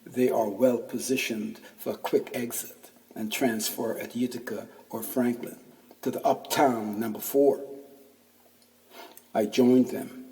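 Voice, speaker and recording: A man's voice: mid-range voice, steady tone, measured pace, dark tone. A man in his fifties reading his own first-person essay aloud, wry and full of street slang, heard from a distance in a reverberant room. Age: 50s. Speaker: podcast host and narrator.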